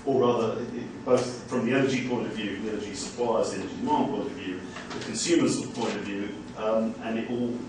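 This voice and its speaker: A man, a university lecturer, making a measured, hesitant comment from the audience at a seminar in a small room. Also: on the low side. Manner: measured, hesitant with many ums. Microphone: far room camera mic. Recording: echoey room from far off, background hiss.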